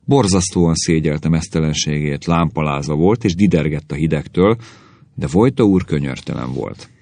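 A man reading a humorous story aloud in an audiobook narration, expressive and measured. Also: a bass voice, no echo.

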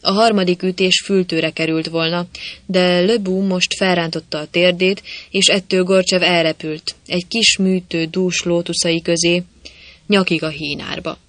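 A man reading a novel aloud as an audiobook narrator, telling it in a lively way. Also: sits high, dry recording. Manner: lively storytelling, voicing quoted characters. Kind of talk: scripted narration.

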